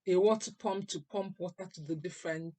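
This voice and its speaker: An older woman talking casually to her viewers in a vlog, chatty and unhurried, with pauses and fillers. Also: on the low side, steady tone, warm tone, dry recording. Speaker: vlogger. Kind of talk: casual vlog talk to camera.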